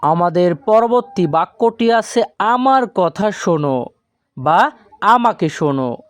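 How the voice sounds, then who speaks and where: A man teaching a language lesson from a script, slowly and deliberately, drawing out each foreign word. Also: high voice, animated, clear, resonant tone, dry recording. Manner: slow and deliberate, stretches out foreign words.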